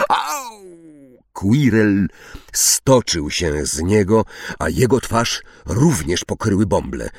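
A man reading a storybook aloud as narrator, slow and dramatic with drawn-out pauses. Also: on the low side, slightly rough, dry recording, studio quality. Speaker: audiobook narrator.

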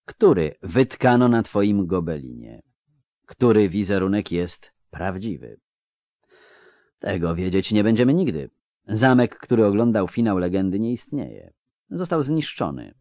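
A man's voice: on the low side, a little mellow, no room sound, clean studio sound. A man reading aloud and voicing a stubborn young female apprentice who murmurs and argues pertly. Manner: pert, murmuring.

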